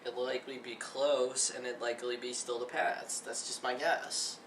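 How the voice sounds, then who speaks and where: A man's voice: mid-range voice, little pitch movement, moderate pace, fairly bright tone. A young man co-hosting a mock sports talk show, talking in a pompous news anchor manner. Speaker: co-host. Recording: echoey room, mic at a distance, faint hiss.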